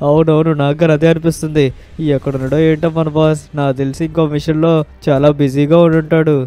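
A man voices a scheming henchman who talks through the plan in a flat, even voice. He speaks quickly, and the tone is smooth, mellow and dry. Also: a little high, natural voice. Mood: smug. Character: scheming male gang henchman, confident.

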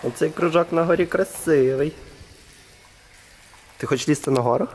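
A man's voice: fairly high pitch, moderate pace, a little mellow, a little hiss or hum. A man filming a casual vlog as he explores a large abandoned concrete hall, chatting to a friend as he goes. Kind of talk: casual handheld vlog narration.

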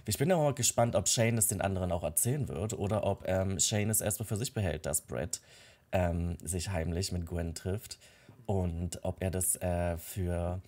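A man's voice: low voice, moderate pace, darkish tone. A young man casually commenting on a life-simulation game, telling the characters' quarrels and thoughts in his own voice with frequent fillers. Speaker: Let's Play host.

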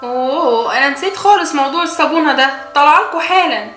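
A caring Egyptian mother doll speaks quickly in a high, soothing voice with an Egyptian Arabic accent, as a woman acts her out. It is doll play recorded in an echoey room. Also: animated, music in the background.

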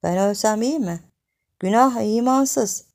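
A woman voicing a rough, jealous young village man who talks in a gruff, demanding way. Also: a little high, slow pace, darkish tone, voice pushed up.

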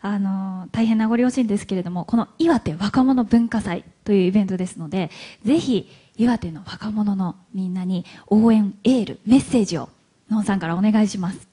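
A woman from Hiroshima hosting a live stage interview, chatty and quick to laugh, with plenty of fillers. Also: medium pitch, warm tone, slightly rough. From Hiroshima, Japan. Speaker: event MC and interviewer. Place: event hall stage.

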